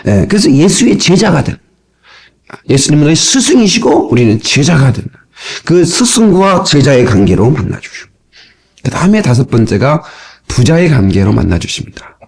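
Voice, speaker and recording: A male pastor preaching a sermon to his congregation, lively and folksy, often asking them for a response, heard from an old cassette tape recording. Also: a little high, normal speed, slightly rough. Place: church sanctuary.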